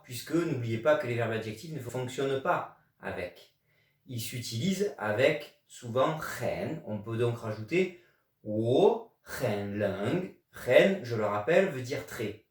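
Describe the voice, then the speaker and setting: A man's voice: medium pitch, recorded from a distance. A man from France teaching a video language lesson, explaining patiently and stressing key words. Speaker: Chinese teacher. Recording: echoey room, voice away from mic.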